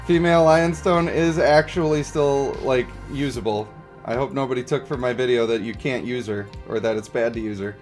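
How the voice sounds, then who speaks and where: A mid-range voice at normal speed belongs to a man streaming a game with music playing. He talks conversationally, answering viewer comments, explaining his thinking and checking that viewers are on board.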